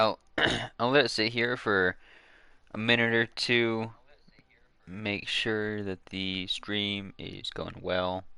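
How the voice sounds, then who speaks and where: A man with a low, deep voice talks loosely to his stream viewers, trailing off and restarting his sentences. His tone is bright and crisp, picked up close and dry, and he hiccups now and then. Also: no echo. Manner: rambling, hesitant, many fillers and restarts. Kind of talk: casual live-stream chat.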